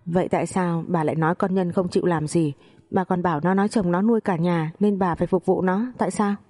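A proud, stern older father-in-law from a spoken family story, scolding with sharp questions. A woman gives him a low, warm-toned read. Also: steady tone, fast, soft background music.

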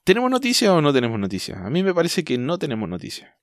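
A Chilean man hosting a podcast in casual chat, talking thoughtfully and often pausing to restart his sentences. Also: fairly high pitch, huge pitch swings, no room sound, clean studio sound. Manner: thoughtful, hesitant, trails off and restarts mid-thought. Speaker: podcast host.

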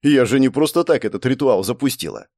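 A man voicing a brisk, mocking young woman who is a player in a game world, in an audiobook. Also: medium pitch, animated, a little mellow, no room sound, studio quality. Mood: teasing, brisk. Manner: snappy, teasing, exclamatory.

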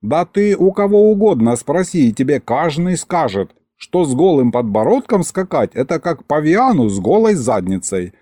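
A man's voice: a little high, very animated, moderate pace, few pauses, mellow, dry recording, voice pushed up. A man voicing a cheeky old grandfather who talks in a folksy, teasing way in an audiobook. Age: older. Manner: folksy, wheedling, chuckling. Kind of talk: audiobook character voice.

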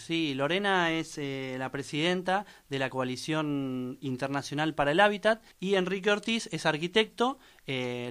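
Clear, higher-voiced radio interviewer. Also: male voice, fairly bright tone. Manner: hesitant, many "eh" fillers and restarts. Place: community radio studio.

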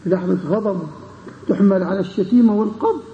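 A man teaching a classical legal text to students, pausing often to check that they follow. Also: high-pitched, a little hiss or hum. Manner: explains with repeated checking questions to students. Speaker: Islamic scholar teaching a text. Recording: dull lo-fi recording in an echoey room.

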